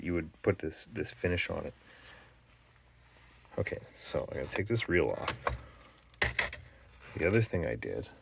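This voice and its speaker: A Canadian man with a low, somewhat bright voice gives a rambling, casual show-and-tell about restoring an old tape machine. He halts often, filling gaps with fillers and restarting his sentences.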